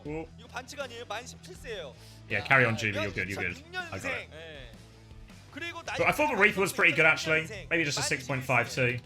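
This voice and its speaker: A man's voice: medium pitch, very animated, moderate pace, pauses often, music in the background. A man in his thirties co-streaming an esports match, rambling and correcting himself as he talks to chat. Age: 30s. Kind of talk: casual livestream commentary.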